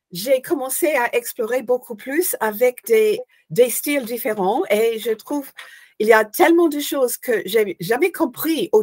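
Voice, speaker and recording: An older woman from Australia, a guest hypnosis instructor, explaining her sessions thoughtfully and searching for words as she goes. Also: fairly high pitch. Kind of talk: explanatory interview answers.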